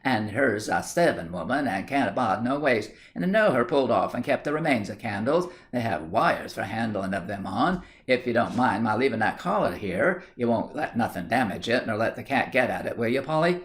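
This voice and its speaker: A man's voice: medium pitch, expressive, normal speed, few pauses, lightly acted. A man doing Tom, a good-natured village lad. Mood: eager. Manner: broad rustic country speech, joking.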